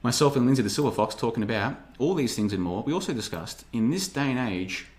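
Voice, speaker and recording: Reading the live chat aloud, this thirty-something podcast host speaks quickly and expressively in a mid-range voice. His casual monologue rambles, drips with sarcasm, and now and then drops into mocking impressions.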